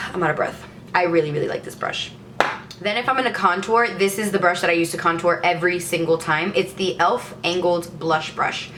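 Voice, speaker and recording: Casting: young female beauty vlogger, lower register, chatty and upbeat, faint hiss behind. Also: fairly even intonation, brisk. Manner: chatty and enthusiastic. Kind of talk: casual makeup tutorial.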